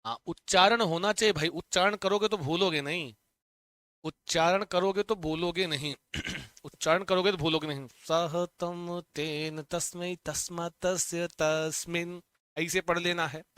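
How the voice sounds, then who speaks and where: A man teaching a Sanskrit lesson online, chanting word forms in a steady rhythm and urging students to repeat them aloud. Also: sits high, normal speed, dry recording. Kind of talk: online exam-prep lesson.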